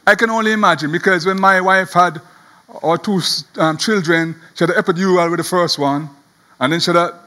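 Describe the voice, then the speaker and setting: A man preaching a sermon as a pastor, animated and chuckling as he tells the story, often repeating words. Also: high voice.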